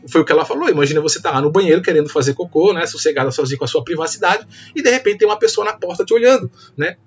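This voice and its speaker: A man teaching in a casual, rambling video lecture, telling anecdotes and often stopping to restart his sentences. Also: fairly high pitch. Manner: rambling, frequent tag questions and restarts. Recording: dull lo-fi audio with faint music.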